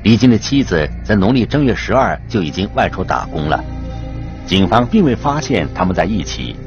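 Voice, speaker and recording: A man's voice: fairly low pitch, very animated, moderate pace. A man narrating a true crime programme from a script, telling it dramatically with rhetorical questions. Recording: dull sound with music behind. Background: clear background music.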